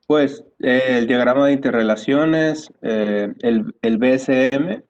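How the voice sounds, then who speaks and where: Guy student answering slowly, lots of eh, on a muffled lo-fi video call. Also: mid-range voice, a little mellow. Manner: hesitant, searching for words. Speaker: graduate student.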